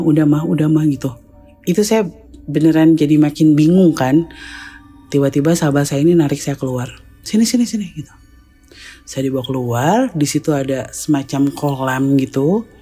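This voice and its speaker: A woman podcast host telling a first-person ghost story, jumping into a high, worked-up voice when she acts out her own lines. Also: slightly rough. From Indonesia. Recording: soft music behind.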